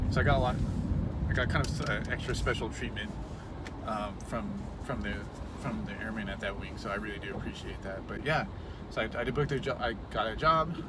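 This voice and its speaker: A man in his thirties talking casually to camera from his car in traffic, rambling and self-conscious with many restarts. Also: on the low side. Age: 30s. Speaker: vlogger. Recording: loud road noise, mic far off.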